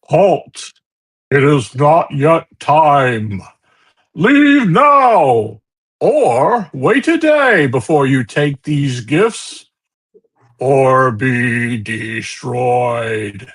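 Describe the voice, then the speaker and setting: A game master doing a booming, magically amplified tree guardian. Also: sing-song, husky, dry recording, heavily acted. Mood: commanding. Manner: slow, commanding, stern warnings. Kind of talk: voicing a figure in a tabletop game.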